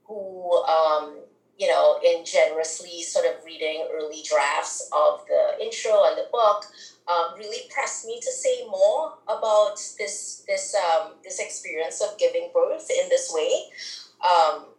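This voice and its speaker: A middle-aged woman from Trinidad, a philosophy professor, talks reflectively in an interview, with many pauses and restarts. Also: fairly low pitch, echoey room, poor audio. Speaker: guest author, philosophy professor. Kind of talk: academic interview conversation.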